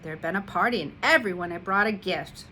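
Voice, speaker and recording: A woman, an instructional coach, reading a children's picture book aloud in an expressive, animated way. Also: on the low side, fast talker, slight background noise, low-quality recording.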